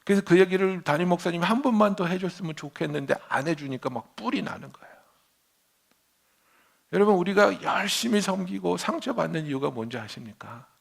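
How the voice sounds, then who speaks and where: A male pastor delivers a sermon in a church, his voice pitched high with a gravelly edge. He tells stories with feeling, dropping to hushed whispers and then rising to loud exclamations. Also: a little fast. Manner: animated storytelling preacher, swings from hushed whispers to loud exclamations. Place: church sanctuary.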